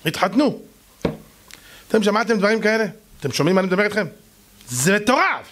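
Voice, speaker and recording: A man preaching as a rabbi, his voice sitting a little high. He tells stories with lots of exclamation, acting out the voices of the people in them and turning again and again to address his listeners directly. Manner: animated, acts out quoted voices, exclamatory. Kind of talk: storytelling sermon.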